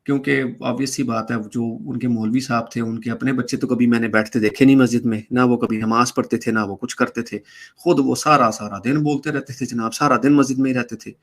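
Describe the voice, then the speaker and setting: A man speaking as a guest, casually recounting his own story and re-enacting the conversations in it. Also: mid-range voice. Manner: animated, re-enacts dialogue while recounting events. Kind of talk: casual spoken storytelling in a debate stream.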